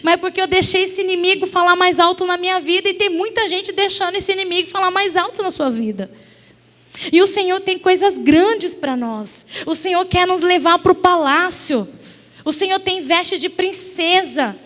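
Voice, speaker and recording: Woman, Brazilian accent, sermon, high voice, emotional storytelling, long hall reverb. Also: moderate pace, a bit bright. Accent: Brazilian Portuguese. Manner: emotional storytelling preaching, repeats words for emphasis. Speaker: deaconess preacher. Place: church hall.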